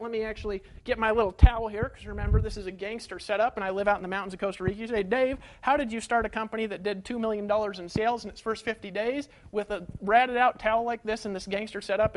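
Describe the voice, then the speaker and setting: A man coaching an online marketing webinar from a home setup, energetic and folksy, full of rhetorical questions. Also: high-pitched, slight background noise. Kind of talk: webinar teaching. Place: home setup in rural hills.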